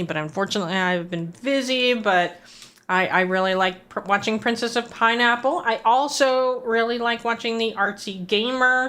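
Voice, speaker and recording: A woman's voice: fairly high pitch, a bit bright. A woman chatting casually on a gaming livestream, greeting and thanking her viewers as she plays. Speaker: game streamer.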